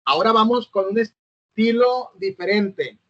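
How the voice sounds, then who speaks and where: A man with a high voice talks through a lesson he is recording alone. He hesitates, fills gaps and corrects himself, checking in with "¿no?". The sound is dull and lo-fi, in a dry, close space. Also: a little slow, a bit bright, dry recording. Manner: hesitant, fillers and self-corrections, asks "¿no?". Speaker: teacher. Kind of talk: recorded online lecture.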